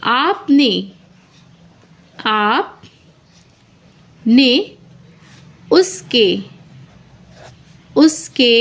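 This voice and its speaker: Woman doing a slow handwriting lesson, kinda high voice, spells out every letter then says the word again. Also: a bit bright. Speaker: Urdu writing teacher.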